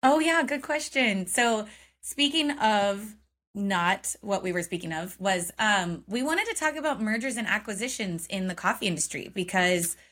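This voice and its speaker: A woman's voice: medium pitch, lively intonation, moderate pace, a bit bright. A woman from Oregon co-hosting a coffee business podcast, chatting casually with many fillers and frequent laughs. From Oregon, United States. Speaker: podcast co-host. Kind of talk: casual chat. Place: home, forest view.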